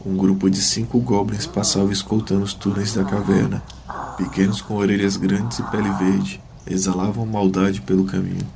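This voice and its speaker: A man's voice: fairly low pitch, flat delivery, normal speed, gravelly, background noise. A man narrating a scripted fantasy story as the narrator of an audio drama.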